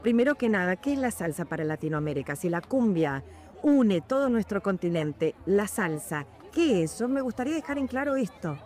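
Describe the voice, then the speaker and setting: Host, lively, rambling questions, average pitch. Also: moderate pace. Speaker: interviewer host. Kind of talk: casual interview.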